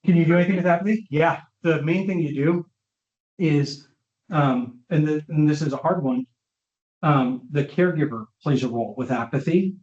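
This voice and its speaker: Speaking informally as a neuropsychologist, this man frequently checks that his audience is following along in a lecture open to questions. His voice is a little high and darkish, at a normal speed, captured in dull, roomy lo-fi audio from an online session.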